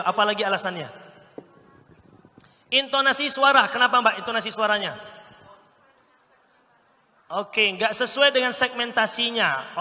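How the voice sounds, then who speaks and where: A man from Sumatra coaching public speaking, lively and constantly quizzing his audience with quick questions. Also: very high voice. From Sumatra, Indonesia. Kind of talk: interactive training talk. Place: training hall. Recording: long hall reverb.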